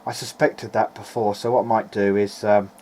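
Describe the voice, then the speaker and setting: Warm in tone, this man's lowish voice stays flat at a normal pace. He's a hobbyist electronics repairer testing equipment, giving a hesitant, informal video-diary commentary in a noisy amateur recording.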